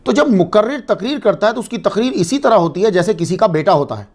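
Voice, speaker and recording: A man's voice: high voice, expressive, a little mellow. A man giving a religious lecture to a congregation, explaining patiently and asking and answering his own questions. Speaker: religious speaker.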